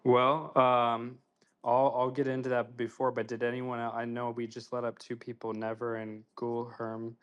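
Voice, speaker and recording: A man's voice: medium pitch, completely flat delivery, moderate pace, smooth, muffled recording. A man in his twenties from Ohio, hosting a casual online group chat in a loose, slangy way, often repeating words as he goes. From Ohio, USA. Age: 20s. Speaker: host.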